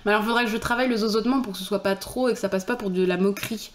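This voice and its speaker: A woman's voice: medium pitch, steady tone, very fast. A woman streamer chatting casually and thinking aloud, self-mocking as she plans character voices. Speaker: streamer preparing a book reading. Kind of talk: casual live-stream chat.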